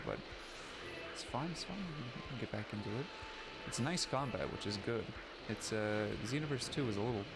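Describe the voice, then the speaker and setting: A Canadian man with a mid-range voice and a somewhat New York-like accent streams a game with casual let's-play commentary. He rambles in a self-aware, chatty way, restarting with fillers, while game music plays and his laptop mic sits turned down low.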